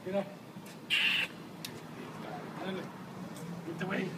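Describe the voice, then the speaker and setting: A man's voice: sits high, completely flat delivery, slow pace, distant mic. A young man joking and egging on his friends in a motel parking lot at night, recorded on a phone. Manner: laughing, calling friends over. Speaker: friend among a band group. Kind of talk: rowdy teasing banter. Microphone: phone camera nearby. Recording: phone video with loud crowd and noise.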